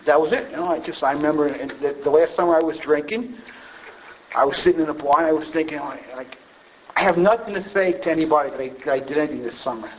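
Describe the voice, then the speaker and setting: A man's voice: a little high, quick pace. A man telling a rambling, self-deprecating personal story about his drinking, full of fillers and restarts. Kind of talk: personal recovery story told to a group. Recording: dull lo-fi recording, faint hiss.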